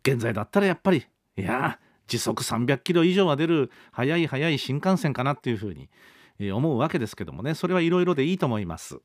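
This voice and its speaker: A man's voice: medium pitch, very animated, fast talker, dry recording, clean studio sound. A man in his fifties hosting a radio show, reading listener mail in a chatty, polite, self-deprecating way. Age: 50s. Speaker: radio host.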